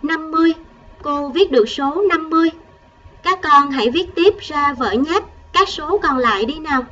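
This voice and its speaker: A woman primary school teacher giving a recorded math lesson to first graders, counting patiently and gently coaxing the children along. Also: high-pitched, normal speed, recorded from a distance, muffled recording.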